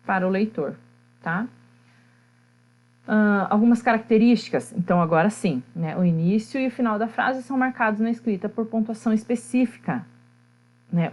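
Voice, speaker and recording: A woman with a Brazilian Portuguese accent teaching an online grammar class. She explains step by step, often checks in with her students and pauses on fillers while she thinks. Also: mid-range voice, a little mellow, highs cut off.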